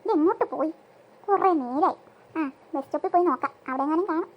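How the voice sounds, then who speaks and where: A woman's voice: extremely high pitch, fast, lo-fi sound. A performer voicing every role in a family cartoon, switching voices between two sisters, their mother and a friend. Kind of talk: cartoon voice acting.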